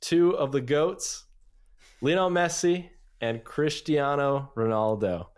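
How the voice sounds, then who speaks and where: A man's voice: on the high side, slow pace, clean tone. Young man hosting a podcast. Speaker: podcast host.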